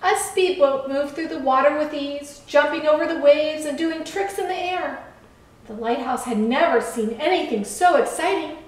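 A woman reading a children's story aloud in a gentle, measured way. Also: high-pitched. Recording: echoey room from far off.

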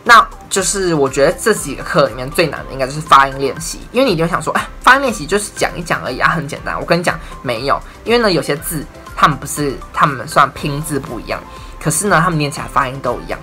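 A man's voice: on the high side, animated, fast, bright, forceful tone, soft background music. A man in his twenties with a Taiwanese Mandarin accent, chatting to camera as a student vlogger in a casual, talkative way. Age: 20s. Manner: chatty, leans on "I'm telling you" and "and then". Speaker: university English major vlogger. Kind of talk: casual explainer talk to camera.

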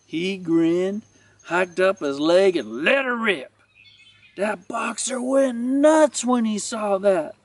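A man, a teacher, reading a children's book aloud with expressive storytelling. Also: sits high, takes it slowly, no room sound, recorded from a distance.

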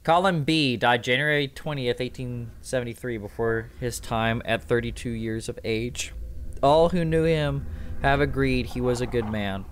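A man's voice: mid-range voice, normal speed, slight background noise. A man streaming a horror game, swearing freely, reacting in disbelief and reading in-game text aloud. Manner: profane, incredulous reactions. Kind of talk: let's play commentary.

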